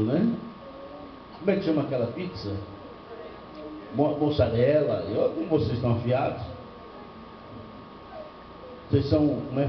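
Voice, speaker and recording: An older man from Bahia, a pastor preaching at a church seminar, telling stories with rhetorical questions and humor. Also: fairly high pitch. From Bahia, northeastern Brazil. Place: church hall. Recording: echoey lo-fi church recording from far off.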